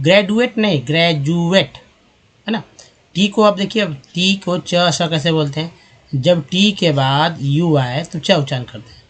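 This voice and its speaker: A man's voice: on the high side, slightly rough. A man teaching English reading from slides, patiently repeating and drilling each sound for viewers he calls friends. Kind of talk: slide-based lesson.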